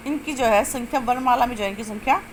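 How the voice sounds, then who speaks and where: A woman teaching a grammar lesson step by step, asking questions and answering them herself, and drawing out sounds slowly to show them. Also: a little high, noisy background. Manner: explains step by step, asks and answers own questions. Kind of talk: classroom-style lesson.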